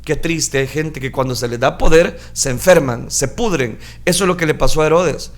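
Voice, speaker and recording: A male preacher giving a sermon, retelling scripture dramatically and switching between calm explanation and loud acted outbursts. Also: a little high, normal speed. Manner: dramatic, shouts acted crowd lines.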